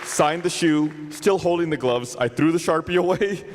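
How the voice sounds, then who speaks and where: A man's voice: a little high, normal speed, some chatter behind. A man telling an amused story on a casual podcast. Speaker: podcast regular. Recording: long reverb.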